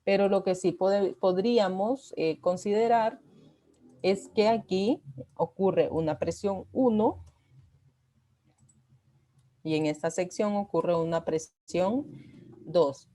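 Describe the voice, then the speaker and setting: A woman's voice: mid-range voice, slow, pauses often, dark tone. A woman teaching a physics class, explaining patiently with frequent "eh" fillers and "¿verdad?" checks. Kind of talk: recorded online class lecture.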